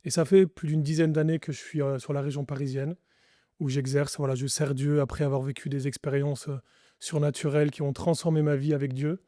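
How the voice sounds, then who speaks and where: A French pastor, a podcast guest, gives his testimony in an interview, speaking earnestly and reflectively with frequent restarts. His mellow voice sits on the high side with little pitch movement and a fairly quick pace, recorded dry with clean studio sound.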